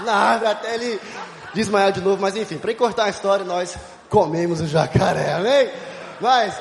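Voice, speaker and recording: Male preacher, high and lively delivery, sermon storytelling, booming hall reverb. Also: slight background noise. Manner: animated storytelling, shouting and laughing. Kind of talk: youth conference sermon. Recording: echoey hall.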